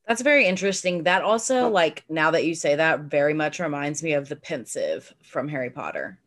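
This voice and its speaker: Woman podcast cohost, lowish voice, bouncy intonation, curious and full of questions. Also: expressive, a little fast. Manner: curious, asks questions and reacts. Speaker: podcast co-host. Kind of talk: casual podcast chat.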